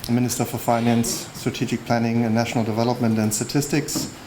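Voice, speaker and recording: A man speaking as an international official, delivering a formal prepared speech in a measured way at a public event. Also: medium pitch, little pitch movement, a little mellow, poor audio. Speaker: United Nations official giving a speech. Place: public launch event venue. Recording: faint background noise at event.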